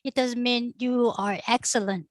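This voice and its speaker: A woman's voice: a little high, fairly even intonation, moderate pace, no echo. Korean-accented woman telling her story. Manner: earnest storytelling with frequent fillers. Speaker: catering company founder, guest. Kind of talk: panel discussion.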